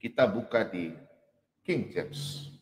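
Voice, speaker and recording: A man giving casual online Bible teaching, joking and poking fun at himself, and reading verses slowly and drawn out. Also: fairly low pitch. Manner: animated, joking, self-mocking. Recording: echoey room with long reverb.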